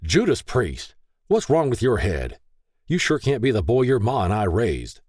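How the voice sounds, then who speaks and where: Paul: man doing a hollering, folksy old dad, pious and gruff, dry studio audiobook read. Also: fairly low pitch, big pitch swings, fairly quick, a little mellow, no echo, pitched above the performer's own voice. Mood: angry. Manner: folksy hollering with country sayings. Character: gruff old rural father, blustering and devout.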